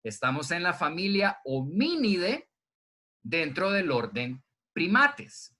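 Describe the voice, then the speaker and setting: Heavy rain falls outside as a man from Honduras teaches zoology online from his home, his recorded lecture picked up by a computer microphone. He speaks slowly in a high voice, keeping things relaxed and conversational and posing questions he then answers himself.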